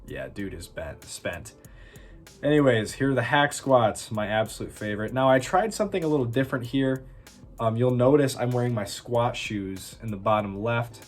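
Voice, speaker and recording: A man's voice: mid-range voice, a little fast, faint music behind. A young man giving casual, self-teasing voice-over commentary on his own workout footage, with many fillers. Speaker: fitness vlogger.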